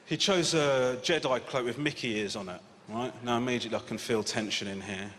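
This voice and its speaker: A man in his thirties performing a stand-up comedy set, animated and swearing freely as he acts out quoted lines. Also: medium pitch, a little fast, heavy background noise. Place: large comedy venue with a live audience. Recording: hall reverb with loud audience laughter.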